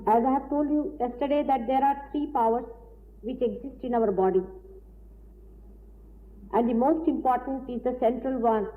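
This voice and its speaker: A woman giving a deliberate, explanatory spiritual lecture, heard on an old tape recording. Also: a little high. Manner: deliberate, explanatory, with frequent pauses. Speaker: spiritual teacher. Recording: tinny old lecture tape with faint hiss.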